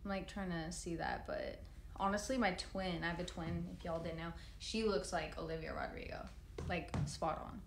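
A woman's voice: lowish voice, steady tone, moderate pace, gravelly, roomy sound, noisy background. A woman in her twenties hosting a casual livestream, answering comments in a laid-back, chatty way with frequent swearing, recorded on a phone at arm's length in a plain room. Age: 20s. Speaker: livestream host. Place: large plain room indoors. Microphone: phone camera at arm's length.

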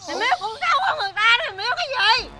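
Shrill furious scolding mother. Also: expressive, racing, very noisy. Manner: shouting insults and threats. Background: music.

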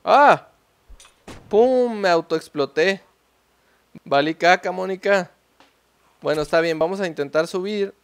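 A young man with a Mexican Spanish accent giving casual, slangy commentary as he plays a mobile game, talking to himself and yelling when things explode. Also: high voice, unhurried, long pauses, smooth. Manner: excitable, slangy, talks to himself while playing. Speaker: gameplay streamer. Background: faint game music.

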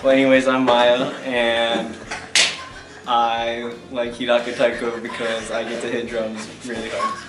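A young man impersonating a friend who likes hitting drums, halting and deadpan, heard from a distance with background noise. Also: medium pitch, echoey room, loud music behind the voice, natural voice. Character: offhand young woman drummer.

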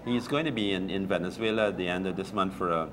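Older man, halting low voice. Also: a bit bright, a little hiss or hum. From Guyana. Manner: halting, many restarts and fillers. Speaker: deacon guest. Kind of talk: casual chat. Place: small room with table, indoors. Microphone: lapel.

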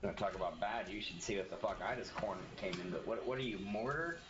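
A man streams a video game, chatting and joking loosely with a friend. His voice sits very low. The mic sounds muffled, with noticeable noise behind. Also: quick pace. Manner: rambling, joking. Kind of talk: casual gaming chat.

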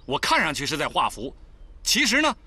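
A sly chuckling quack doctor. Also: male voice, fairly high pitch, huge pitch swings, fairly quick, sharp tone, slightly rough, no room sound, exaggerated voice. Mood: evasive. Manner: chuckling, fawning, evasive.

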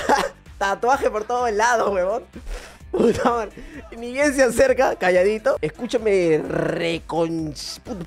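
A man streamer with a Peruvian accent telling a story in a casual, animated, slangy way. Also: high-pitched. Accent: Peruvian Spanish. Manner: animated, slangy, acts out voices.

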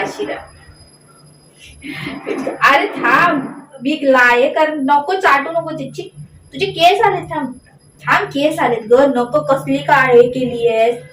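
A young woman with a slightly high voice talks slowly to her dogs at home, coaxing them and fondly scolding them in short, repeated commands. She is recorded from some distance, so her voice carries a roomy echo. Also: slight background noise. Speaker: pet vlogger. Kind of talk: casual talk to pet dogs.

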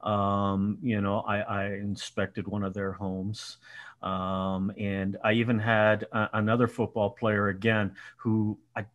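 A business owner in his sixties from Colorado, a nasal-voiced podcast guest, tells self-mocking stories and laughs often on a casual video call from a room at home using a headset. His voice is on the low side, slow, with little pitch movement and lo-fi sound.

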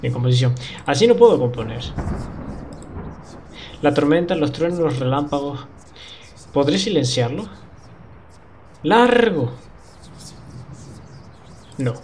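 A man's voice: mid-range voice, expressive, moderate pace, long pauses, mellow, slight background noise, natural voice. A man voicing an anxious young woman composer, frightened and pleading, in a video game.

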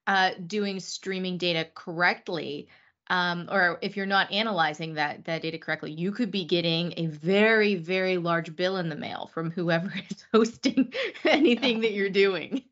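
A woman in her thirties hosting a tech review show, energetic and upbeat, speaking from a room at home. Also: lowish voice, dull audio. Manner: energetic, quick affirmations. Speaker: host. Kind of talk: upbeat show intro and interviewing. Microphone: webcam, video call.

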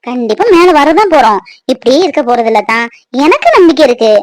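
A woman's voice: sits high, animated, fast talker, dry recording. A woman acting a wife in a family drama, talking at length in an earnest, reassuring way.

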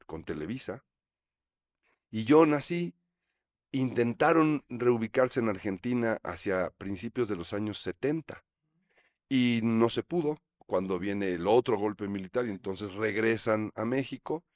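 Here the Mexico City actor, a man in his fifties with a Mexican Spanish accent, speaks in a fairly low, darkish voice, reflecting as he tells stories. He gestures and fills pauses often. The recording is dry, taken close on a boom-arm studio mic in a small studio set.

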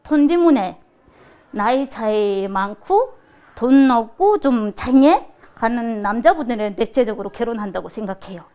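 A woman's voice: on the high side, expressive, a little slow, dull audio. A woman from Mongolia with a Mongolian accent in her Korean, answering in an interview. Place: small indoor office or classroom.

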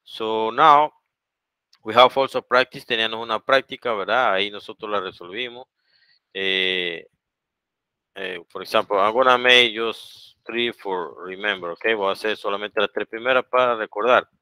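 A middle-aged man with a Panamanian Spanish accent gives a bilingual English lesson in a bright, crisp, fairly low voice. He speaks slowly in English and translates quickly into Spanish. The sound is dry and close, with no room around it. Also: no echo, poor audio. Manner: switches between English and Spanish, many "okay?" and "¿verdad?" checks. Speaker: English teacher. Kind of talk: bilingual online grammar lesson.

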